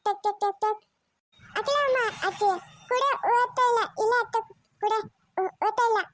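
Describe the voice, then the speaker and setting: A woman's voice: very high voice, fairly even intonation, normal speed, no room sound, studio quality. Woman voicing a whiny little cartoon boy. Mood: playful. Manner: whiny, repetitive pleading. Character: small whiny little boy, clingy and tearful. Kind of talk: cartoon voice acting.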